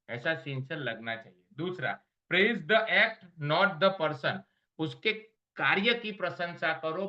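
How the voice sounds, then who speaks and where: A man's voice: medium pitch, bright, forceful tone, dull audio. A man giving a motivational business training talk, emphatic and mixing English slogans into his explanations.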